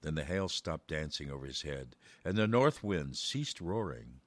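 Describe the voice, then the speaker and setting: A man reading a children's story aloud in a measured way, slowing down for verse. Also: rumbling low, expressive, no echo.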